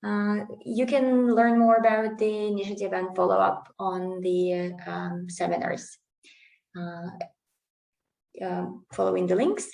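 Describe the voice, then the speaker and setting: A woman's voice: mid-range voice, flat delivery, gravelly, darkish tone. Distant, roomy-sounding woman hosting a seminar. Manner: halting, many fillers. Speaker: seminar host. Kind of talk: webinar introduction. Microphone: video call.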